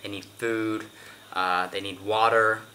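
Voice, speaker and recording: A man filming a casual travel vlog on a handheld camera, excitable and swearing freely, outdoors and at an open-air cafe. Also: fairly low pitch, takes it slowly, over music. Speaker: travel vlogger.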